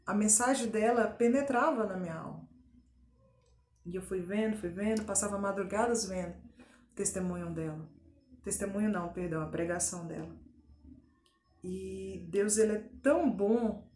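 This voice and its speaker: A Brazilian woman shares her personal faith testimony in an earnest, deliberate way, leaning on little tag fillers as she goes. Her mid-pitched voice rings in an echoey room at home. A faint hum of noise sits behind her. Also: a little mellow. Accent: Brazilian Portuguese. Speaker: testimony giver. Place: at home, indoors. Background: faint drill noise.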